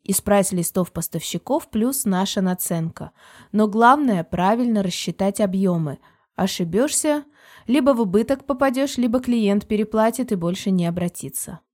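A woman reading an audiobook voices a tough middle-aged businesswoman aunt who speaks firmly and briskly. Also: mid-range voice, animated, a little mellow, natural voice. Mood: assertive. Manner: firm, brisk, matter-of-fact. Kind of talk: audiobook character voice.

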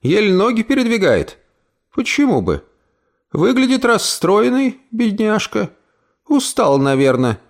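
A sharp-tongued old woman in a storybook, scolding in a high, shrill voice that leaps up and down. A man acts her out, pitching far above his own speaking voice. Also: huge pitch swings, measured pace, exaggerated voice. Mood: chatty.

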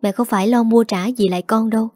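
Woman voicing a gentle young wife, soft and soothing, mellow dry read. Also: a little high, steady tone, fast, dry recording, close to an everyday voice. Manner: soft, reassuring.

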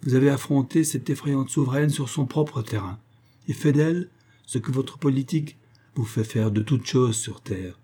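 A man narrating a classic novel as an audiobook in a measured, solemn way. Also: mid-range voice, warm tone, husky.

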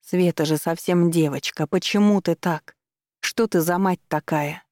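A woman's voice: lowish voice, unhurried, a little mellow, no room sound, clean studio sound, natural voice. A woman voicing a bitter, defiant young heroine confronting her mother.

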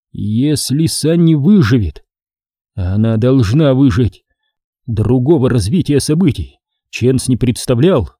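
A man narrating an audiobook in a measured, expressive way. His voice is deep and very dark, and his pitch moves a lot as he reads. The sound is dry and close, with no room around it. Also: no echo.

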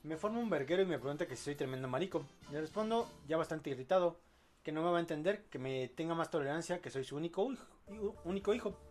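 Podcast host, male, slightly higher voice, rambling joking delivery over faint music. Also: animated, quick pace. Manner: rambling, joking, reads posts aloud. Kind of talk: casual live-show chat, reading audience posts.

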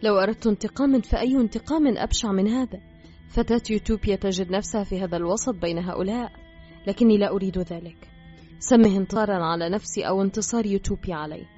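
Woman narrating an audiobook, measured and dramatic. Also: medium pitch, warm tone, breathy edge. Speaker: audiobook reader. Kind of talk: scripted narration. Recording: slightly dull with faint music.

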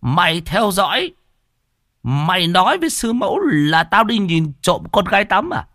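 A man voicing a hot-tempered old male master who yells in a high, shrill voice and scolds his student. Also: sing-song, normal speed, no echo, clean studio sound, full character voice. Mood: scolding. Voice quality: shrill, yelling.

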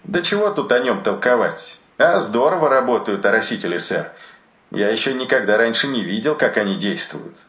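A man's voice: mid-range voice, expressive, moderate pace, a bit bright, roomy sound, pitched above the performer's own voice, natural voice. A man voicing a dazed, rambling sailor trapped below deck, chattering in a detached, dreamy way in an audiobook. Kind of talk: audiobook narration.

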